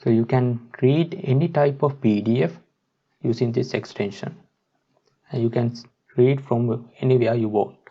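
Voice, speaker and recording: The recording comes through a muffled, dull-sounding microphone as a man instructs viewers through software one step at a time, with a halting delivery. His voice is mid-range and husky.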